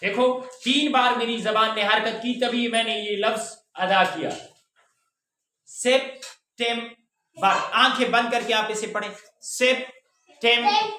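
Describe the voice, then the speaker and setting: Speaking at a normal pace with few pauses, this male English teacher has a high, steady, sharp-toned voice as he stretches words syllable by syllable and tests the class on pronunciation. The room is very echoey, he's distant, and there's slight background noise.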